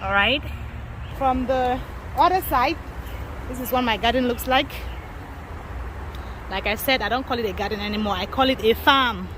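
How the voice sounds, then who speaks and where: Woman from Cameroon, gardening vlogger, high-ish voice, chatty tour, wind and traffic noise outside. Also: normal speed, pauses often, a bit bright, low-quality recording. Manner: chatty, addresses viewers as guys. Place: outdoor garden, windy.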